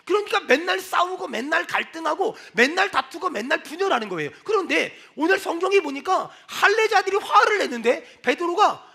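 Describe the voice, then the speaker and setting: A male pastor preaching a sermon in a church, animated, acting out quoted lines and rising into shouted prayers. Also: very high voice, fairly quick, vocal fry, few pauses. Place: church sanctuary.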